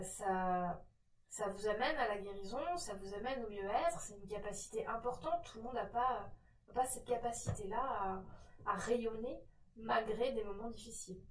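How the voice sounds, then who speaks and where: A woman cartomancer reads tarot cards in a casual, encouraging way, addressing the listener directly. Her voice sits a little high. The recording is roomy and echoey, and she sounds some distance from the mic. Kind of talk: casual tarot card reading to viewers.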